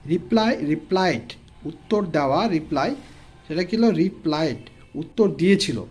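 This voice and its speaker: A man's voice: a little high, animated, normal speed, darkish tone, slightly rough. A man with a Bengali accent teaching an online English lesson for children, saying each word, repeating it and translating it.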